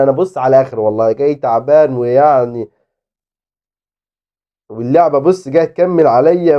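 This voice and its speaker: A man with an Egyptian Arabic accent, giving excitable live commentary on his own football game as a gaming YouTuber. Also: a little high, lo-fi sound. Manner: excitable, exclaiming and pleading at the game.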